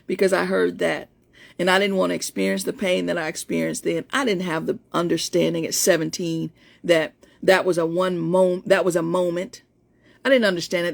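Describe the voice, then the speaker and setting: A woman's voice: lowish voice, creaky. A woman of about fifty with an in-between, not very feminine voice, telling a personal story in a chatty live stream as a coach. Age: 50s. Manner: storytelling, chatty, many restarts. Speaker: life coach. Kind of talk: casual live-stream talk to viewers.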